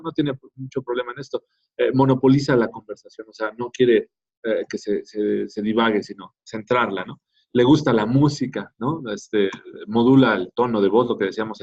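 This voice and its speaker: With a husky, slightly mellow voice of medium pitch, a male teacher gives a conversational classroom lecture. Many of his phrases end in "¿no?" as he checks in with students, and the recording is a dull lo-fi classroom one.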